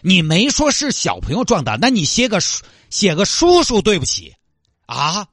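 Guy putting on a fired-up young car owner, high and sharp, scolding, pitch jumping around. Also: huge pitch swings, quick pace, no room sound, clean studio sound, heavily acted. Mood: indignant. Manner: exasperated, scolding.

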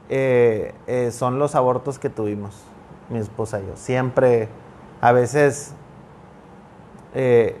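A man in a reflective podcast chat, speaking earnestly and pausing to restart his thoughts. His voice sits at a middle pitch, with faint noise in the background. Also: darkish tone. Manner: earnest, halting with frequent restarts. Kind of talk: reflective conversation.

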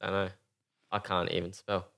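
Man, lowish smooth voice, podcast co-host, laid-back, dry short remarks. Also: flat delivery, moderate pace, pushed and bright. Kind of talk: casual chat.

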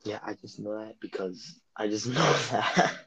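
A man's voice: on the low side, unhurried, a bit bright, slightly rough, dry recording, low-quality recording. A young man co-hosting a casual podcast, hesitant and full of fillers. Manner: hesitant, lots of fillers and restarts. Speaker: podcast co-host. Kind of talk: casual chat.

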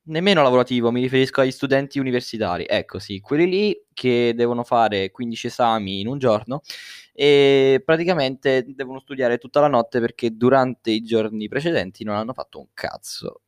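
A young man hosts a solo podcast, speaking through a face mask into a close microphone. His voice sits at an average pitch in a very dry space. He rambles casually and jokingly, often correcting himself mid-thought. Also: fairly quick, smooth, no echo. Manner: rambling, self-correcting, uses swear words. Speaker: podcast host. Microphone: close podcast microphone, dry sound.

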